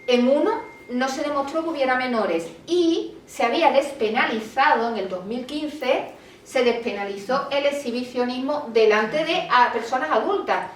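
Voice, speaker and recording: A woman speaks as a lawyer at a colloquium, telling a case in animated fashion and playing out both sides of the dialogue. Her voice sits a little high. She is picked up from some distance in a roomy hall with faint ambience. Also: normal speed, a little hiss or hum. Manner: animated storytelling, acts out quoted dialogue. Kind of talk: talk at a public colloquium. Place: meeting room.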